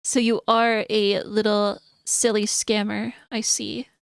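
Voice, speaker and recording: A woman's voice: mid-range voice, level tone, takes it slowly, gravelly, clear, resonant tone, dry recording, clean studio sound. A woman live streamer chatting casually and thinking aloud as she reads through notes, sometimes mumbling. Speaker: VTuber streamer.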